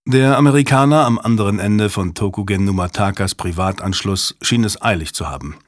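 A man's voice: on the low side, fairly quick, no echo. Male thriller narrator, dry studio read. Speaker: audiobook narrator. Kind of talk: scripted narration.

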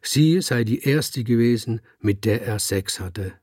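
A man calmly narrating an audiobook in a measured storytelling manner. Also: medium pitch, no room sound, clean studio sound. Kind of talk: scripted narration.

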